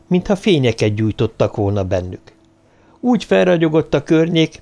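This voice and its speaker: A man narrating an audiobook in a steady storytelling manner. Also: medium pitch. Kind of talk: scripted narration.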